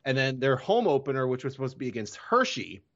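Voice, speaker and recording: A man's voice: mid-range voice, big pitch swings, fast talker, fairly bright tone, dull audio. A man hosting a hockey podcast in casual chat, often correcting himself mid-sentence. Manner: rambling, self-correcting.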